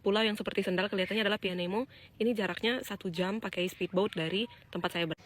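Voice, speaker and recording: A woman's voice: medium pitch, steady tone, fast talker. A woman vlogging in a casual, chatty way, explaining things to her viewers with fillers and questions.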